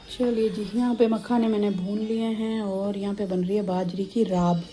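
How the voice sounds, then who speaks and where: A woman's voice: medium pitch, steady tone, moderate pace, warm tone. A woman chatting casually through her home vlog, narrating her chores as she works in her kitchen and living room. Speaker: home vlogger. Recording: echoey room with faint background hum.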